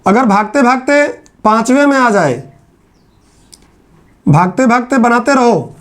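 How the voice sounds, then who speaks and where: A man's voice: extremely high pitch, lively intonation, a little slow, fairly bright tone. A man teaching a chemistry class in a casual, conversational way, repeating phrases to drive points home. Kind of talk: classroom lecture.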